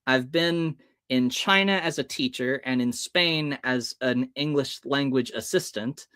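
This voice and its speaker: Appearing as an interview guest, this American hypnotist in his thirties recounts stories and plays the characters himself. He speaks unhurriedly at medium pitch, his voice pushed, bright and smooth, in a studio-quality recording with no room sound.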